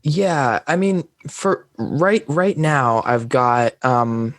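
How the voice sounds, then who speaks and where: A man's voice: medium pitch, drawn-out words. A young American man from California chats as a podcast guest in a mid-range voice. He is friendly, laughs easily and doubles back on his words. The sound is dry, with no room echo. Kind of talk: casual chat over a video call.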